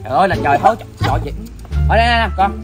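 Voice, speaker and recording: A man runs a dried-fish shop and banters loudly through a comic sales skit, exclaiming and teasing as he goes. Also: high voice, lively intonation, rapid-fire, over music. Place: outdoors in the sun.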